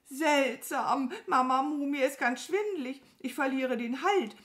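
A woman's voice: high voice, a little slow, pitched above the performer's own voice. A woman voicing a greedy, dramatic female crow who whines and complains theatrically. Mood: panicky.

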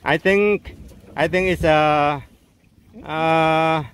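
High-voiced man excitedly narrating a fishing trip. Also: extremely slow, clean tone. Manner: chatty, exclaims often, simple broken English. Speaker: fishing channel host. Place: small open boat at sea, outdoors. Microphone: handheld or mounted action camera.

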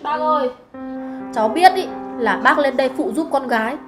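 An actress playing a harsh, scornful middle-aged mother-in-law, scolding in a sharp, contemptuous way. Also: high voice, moderate pace, close to an everyday voice. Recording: roomy, with music underneath.

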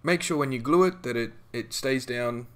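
Narrating a voice-over for a scale model tutorial, a man speaks at a moderate pace in a medium pitch. His tone is laid-back and chatty, often broken by ums and false starts.

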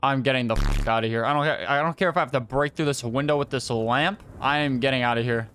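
A scared young male horror game streamer commenting live over loud game music. He pleads and mutters the same words over and over, in a mid-pitched voice. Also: fast talker. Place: small room indoors at a desk, webcam stream.

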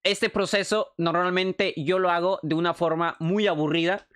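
A young man with a Mexican accent, chatting fast and excitably on a livestream, swearing freely while showing how he works. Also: high voice, smooth. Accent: Mexican Spanish. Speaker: streamer. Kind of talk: casual livestream chat.

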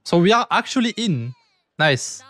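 A man's voice: high-pitched, sing-song, a little slow, fairly bright tone, dry recording. A man streaming casual anime reaction commentary in short, offhand, chatty remarks. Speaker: VTuber streamer. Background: music from the show being watched.

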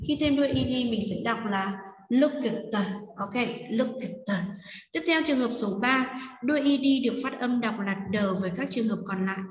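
A woman's voice: a little high, fairly quick. A woman teacher explaining a lesson step by step, patiently, with frequent check-ins with her students. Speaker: English teacher. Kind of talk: recorded classroom lesson explanation. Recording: echoey room, long reverb, voice distant from mic.

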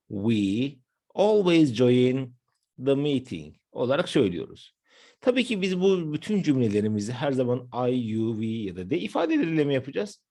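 Turkish male language teacher, a bit of fry in the voice, slows down for his examples. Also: medium pitch, darkish tone. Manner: explains step by step, slows down for example phrases. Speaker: English teacher. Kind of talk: language lesson narration.

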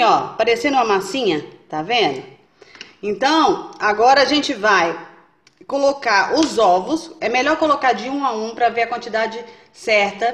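In a home kitchen with an echoey sound and faint noise, a woman hosts a cooking channel video, demonstrating a recipe step by step. Her voice is a little high and fairly bright, and she chats away, frequently checking in with viewers.

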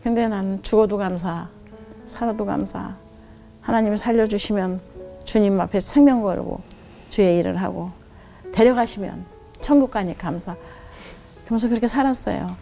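A woman's voice: moderate pace, long pauses, faint music behind. A middle-aged woman giving a heartfelt personal testimony as a missionary guest in a studio, earnestly retelling her story. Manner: earnest and heartfelt, quotes God in a lowered softer voice.

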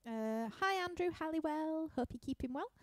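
Speaking high and animated at a fairly quick clip, this young Yorkshire woman is a musician running a live stream Q&A in her living room at home. She chats loosely through viewers' questions, laughing, wandering off topic and leaning on fillers, with no echo in the sound.

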